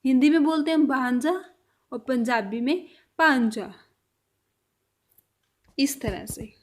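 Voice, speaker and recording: Slow, high-voiced woman teaching words. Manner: repeats each word slowly and carefully. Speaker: language teacher. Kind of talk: slow vocabulary lesson.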